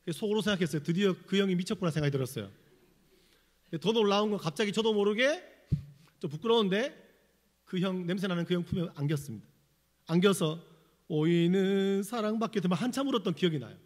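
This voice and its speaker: A male pastor preaching a sermon, telling his own story in a dramatic, animated way with touches of humor. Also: high voice, fast talker, pauses often. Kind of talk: sermon with personal testimony. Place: church sanctuary. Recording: long church hall reverb.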